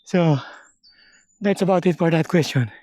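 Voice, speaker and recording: A man from the Philippines vlogging a forest hike, explaining things slowly in short halting phrases, sometimes out of breath. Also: a little high, darkish tone, no room sound. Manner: slow, halting, explains step by step. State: out of breath at times. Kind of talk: casual hiking vlog. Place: outdoors on a forest trail.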